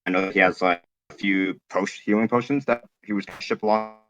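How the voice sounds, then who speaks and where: Very low male voice, choppy cut-off audio, dull lo-fi online call, halting. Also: fairly even intonation, fairly bright tone, no echo. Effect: choppy internet call audio cutting in and out. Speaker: tabletop game player. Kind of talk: casual online game chat.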